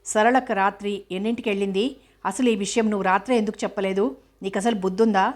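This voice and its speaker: A woman's voice: mid-range voice, steady tone, quick pace, natural voice. A woman voicing an irritable young film actress who talks in curt, scolding lines. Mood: scornful.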